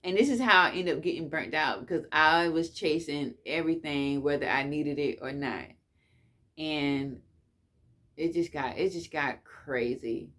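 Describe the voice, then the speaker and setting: A couponing vlogger reminisces about her past in a casual, slangy way, repeating phrases for emphasis. Her deep voice moves at a measured pace with a fairly bright tone.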